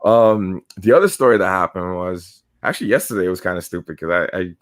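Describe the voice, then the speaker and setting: Low-voiced and brisk, this New Yorker co-hosts a podcast, launching into rambling stories packed with profanity. His delivery is animated and loose, in a casual chat.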